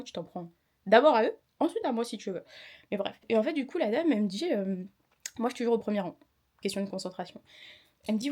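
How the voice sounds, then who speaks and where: A woman's voice: mid-range voice, a little mellow. Tired young woman telling a storytime. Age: young adult. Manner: chatty, indignant retelling with quoted dialogue. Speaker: student vlogger. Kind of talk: casual vlog storytime.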